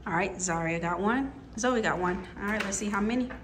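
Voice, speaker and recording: A woman's voice: mid-range voice, a little fast. Woman hosting in an echoey room. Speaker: adult hosting a kids' candy challenge. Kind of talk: casual chat with children on a family vlog. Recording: roomy echo, faint background noise.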